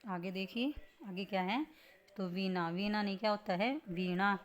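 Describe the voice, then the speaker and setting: For students preparing for exams, a woman teaches a grammar lesson on correct spelling, patiently explaining step by step and posing rhetorical questions along the way. Her voice is medium-pitched at normal speed, with slight background noise.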